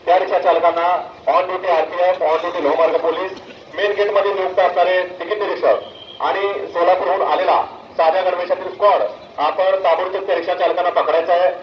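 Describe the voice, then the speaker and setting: A man making firm, measured announcements over a railway station PA loudspeaker and repeating his instructions. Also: high voice, level tone. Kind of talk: public address announcement. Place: railway station, heard from the platform. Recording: echoey muffled loudspeaker, faint noise.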